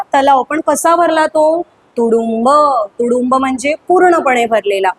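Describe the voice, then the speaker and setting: A woman teacher singing a children's poem slowly, then explaining it briskly to children with many questions. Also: a little high, husky, poor audio. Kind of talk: school poem lesson, sung then explained. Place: school classroom.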